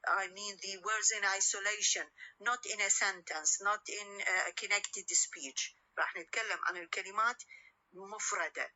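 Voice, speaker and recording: A woman's voice: mid-range voice, fairly even intonation, brisk, bright, forceful tone, rough recording. A woman lecturer, patiently explaining and asking rhetorical questions she answers herself. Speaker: university lecturer. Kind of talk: recorded lecture, switching between English and Arabic.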